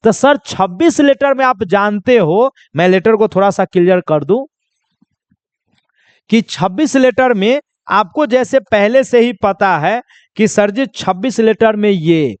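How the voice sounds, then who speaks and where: A high-pitched man from India runs a simple lesson for children, asking a question and answering it himself again and again. His voice is smooth and crisp. The sound is dry, with no room echo. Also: lively intonation, unhurried. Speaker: English teacher.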